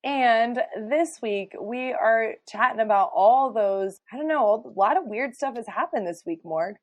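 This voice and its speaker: A woman's voice: fairly high pitch, measured pace, no room sound. A woman co-hosting a podcast in casual, playful, teasing chat. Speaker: podcast co-host.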